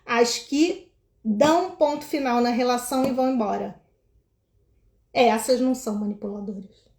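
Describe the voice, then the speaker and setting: A woman explaining relationship patterns to viewers in an animated way, pointing and acting out quotes. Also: fairly high pitch, normal speed. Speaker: emotional wellbeing educator. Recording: echoey room.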